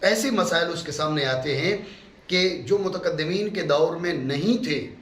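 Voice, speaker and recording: A man's voice: a little high, a bit bright. A middle-aged man from Pakistan giving a classroom lecture as a religious teacher, emphatic, repeating key terms and checking in with his students. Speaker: mufti teaching a course. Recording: echoey room with faint background hum.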